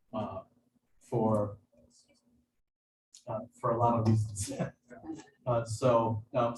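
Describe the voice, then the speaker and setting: A man, a chef, giving a casual cooking demonstration in a kitchen over a video call. He talks in a hesitant, halting way, with lots of fillers and restarts. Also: medium pitch, a little mellow. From United States. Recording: echoey room, far from mic, background noise.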